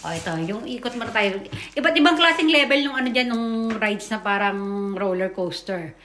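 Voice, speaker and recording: A woman's voice: a little high, normal speed, pushed and bright, echoey room. A woman, a mother, giving a casual voice-over to her family video, chatty and stumbling over her words now and then. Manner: chatty, tags lines with "o, di ba?".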